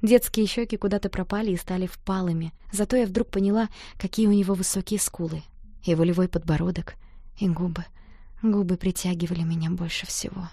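A woman reading a first-person romance novel aloud in an expressive, intimate way. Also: fairly low pitch, fairly quick, dry recording, studio quality. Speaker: audiobook narrator.

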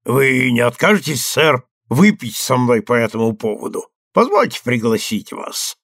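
Male reader doing a stout, hearty German man; hoarse, gravelly, animated. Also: mid-range voice, moderate pace, no room sound, studio quality, exaggerated voice. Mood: jovial. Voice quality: hoarse, bubbling with joy. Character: fat jovial German print-shop owner, middle-aged.

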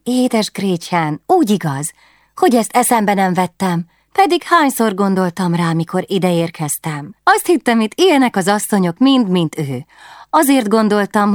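A woman voicing a headstrong, excitable young noblewoman who gives eager, commanding orders. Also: dry recording, clean studio sound, close to an everyday voice. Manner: eager, commanding, high-strung.

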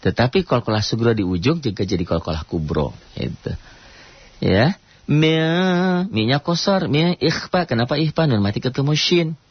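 A man's voice: mid-range voice, lively intonation, breathy edge, no room sound, lo-fi sound. Man teaching Quran recitation on radio. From Indonesia. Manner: quick explanations broken by slow, drawn-out chanted recitation. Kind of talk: radio tajwid lesson.

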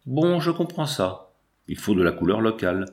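A man's voice: fairly low pitch, big pitch swings, moderate pace. A man reading the lines of an opinionated, pompous bourgeois father in an audiobook, speaking emphatically. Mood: emphatic.

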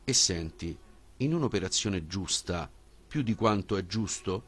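A man reading a philosophical dialogue as an audiobook, with a measured, questioning delivery. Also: deep voice, animated, fairly bright tone, husky. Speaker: audiobook reader.

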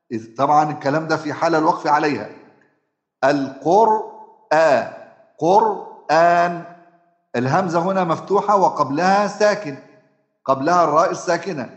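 Egyptian man teaching recitation in an echoey room. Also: a little high. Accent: Egyptian Arabic. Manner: asks the class questions and answers them himself; drawn-out chanted examples. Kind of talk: tajweed lesson explaining recitation rules. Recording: roomy echo.

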